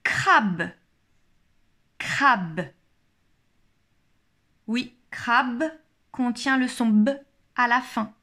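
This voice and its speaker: A woman teaching a child a phonics listening game, saying each word twice and articulating every sound slowly and carefully. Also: a little high, level tone, fairly bright tone.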